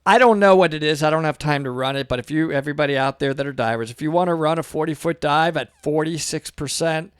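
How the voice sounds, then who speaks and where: A man's voice: a little high, fast talker, hardly any pauses, clean tone, no room sound, studio quality. A man giving casual reaction video commentary as a diver, explaining technical points.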